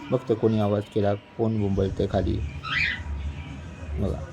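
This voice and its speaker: A man with a fairly low voice talks casually at home, pointing things out to viewers over and over. He sounds chatty and unhurried. Music plays clearly beneath him. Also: level tone, low-quality recording. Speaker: dog owner showing his dog. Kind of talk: casual vlog commentary. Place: at home indoors.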